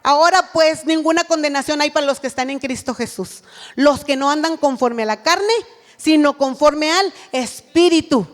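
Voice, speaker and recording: A woman's voice: high-pitched, normal speed, in a large hall. A woman giving an earnest sermon at a women's church retreat, acting out what a mother says to her child.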